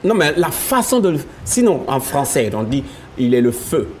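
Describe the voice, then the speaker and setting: A singer whose first language is Yakuba, chatting in an interview and telling stories with a laugh. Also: male voice, medium pitch, normal speed, slight background noise. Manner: animated storytelling, laughing often. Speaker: gospel singer. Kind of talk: casual interview chat.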